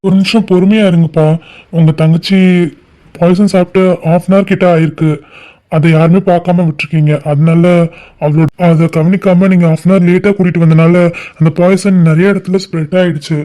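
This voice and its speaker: A woman's voice: lowish voice, steady tone, fairly quick, mellow, natural voice. A woman voicing a male hospital doctor in a cartoon drama, explaining the situation steadily and patiently. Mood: calm explaining.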